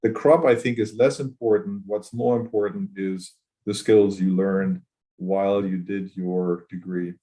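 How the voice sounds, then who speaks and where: A man speaking as a panelist in an online panel discussion, measured and a little hesitant. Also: low-pitched, fairly even intonation, warm tone, poor audio. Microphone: video call.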